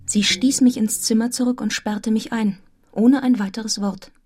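A woman's voice: fairly high pitch, fairly even intonation, normal speed, a little mellow, faint music behind, lightly acted. An actress narrating a literary audio drama as a grown woman reflectively recounting a grim orphan childhood. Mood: reflective, sombre.

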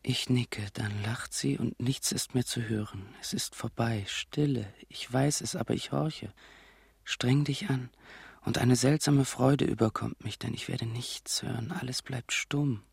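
A man reading a first-person literary text for an audio drama, in a quiet, reflective manner. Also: medium pitch, a little slow, creaky, breathy edge, dry recording, studio quality. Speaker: narrator. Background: music.

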